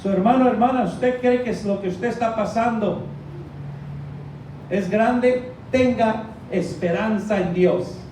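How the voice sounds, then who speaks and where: A man's voice: high voice, a little slow, pauses often, far from the mic. A male Pentecostal pastor preaching a fervent sermon, often calling out to the congregation as brothers and crying hallelujah. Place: church. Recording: echoey hall miked from afar, faint noise.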